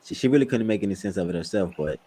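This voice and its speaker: A man's voice: on the low side, expressive, rapid-fire, dark tone, slightly rough. A man co-hosting a casual podcast chat, talking in a loose, rambling way. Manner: loose, rambling, many fillers. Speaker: podcast co-host.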